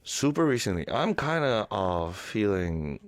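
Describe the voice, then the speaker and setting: A woman's voice: a bass voice, big pitch swings, a little slow, slight background noise. A woman in her thirties co-hosting a radio show in casual on-air chat, sick with a cold and fever, laughing often and restarting her sentences. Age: 30s. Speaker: radio co-host.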